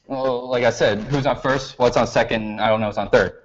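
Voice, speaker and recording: A young man playing a calm, matter-of-fact baseball team manager who patiently explains his players' names, in a comedy skit, on a dull lo-fi recording. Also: mid-range voice, a little fast, slight background noise, voice pushed down, natural voice. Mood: deadpan.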